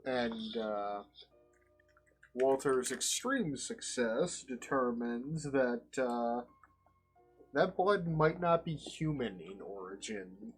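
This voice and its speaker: A man narrating a tabletop horror game as game master, measured and pausing often. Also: mid-range voice, animated, faint music behind, low-quality recording.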